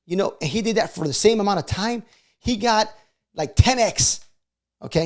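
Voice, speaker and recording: A high, gravelly voice belongs to a middle-aged man giving casual motivational advice as a video host. He stays conversational and often asks short questions to check that his audience agrees.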